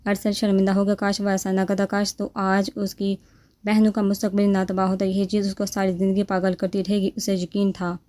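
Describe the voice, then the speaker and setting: A woman narrating a romance novel aloud, reading in an even, unhurried manner. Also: medium pitch.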